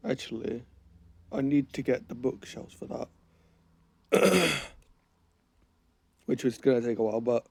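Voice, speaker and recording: This gaming channel host has a cold and is losing his voice. Gravelly and husky, his mid-range voice moves a little slowly with frequent pauses as he rambles through gameplay, thinking aloud and correcting himself, with no echo on the recording.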